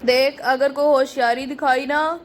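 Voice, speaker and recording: A woman's voice: high voice, steady tone, measured pace. Woman voicing a bossy male hijacker. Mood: threatening. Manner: threatening, barking orders. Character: menacing male plane hijacker, bossy thug. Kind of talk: doll story role-play.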